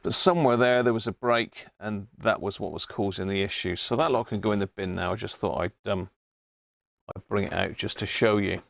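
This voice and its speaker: A middle-aged Englishman hosts a live stream for a radio hobby channel, chatting casually and thinking aloud as he rambles through demonstrations. His voice is lowish, gravelly and a bit bright, with a steady tone and a slightly fast pace. He wears a wireless body-pack mic, and there's no room sound.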